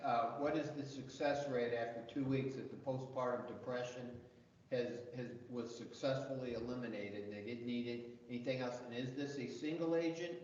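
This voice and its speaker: A man's voice: medium pitch, steady tone, moderate pace, a little mellow. A man on a review committee, asking blunt, skeptical questions in a meeting, heard with a big hall echo. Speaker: committee member. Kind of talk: meeting discussion. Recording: big echoey hall, dull sound, faint hiss.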